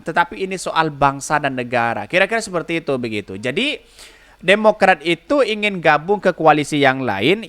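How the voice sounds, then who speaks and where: A man's voice: on the high side, bright, forceful tone. A man hosting a solo political podcast, chatty, chuckling often as he reads out viewer comments.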